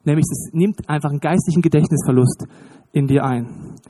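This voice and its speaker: A man preaching a sermon with lively, playful asides and acted-out voices. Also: fairly high pitch, brisk. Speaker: pastor.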